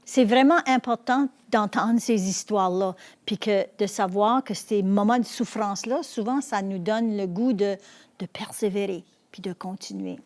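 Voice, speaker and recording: A woman's voice: medium pitch, animated, moderate pace, a little mellow. A woman speaking in an earnest, encouraging way, often repeating words as she starts a thought. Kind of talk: reflective commentary.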